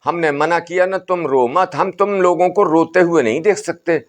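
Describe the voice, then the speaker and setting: A man's voice: fairly high pitch, moderate pace, pitched above the performer's own voice, natural voice. A man voicing a stern, wily old holy man who keeps repeating his commands. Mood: insistent.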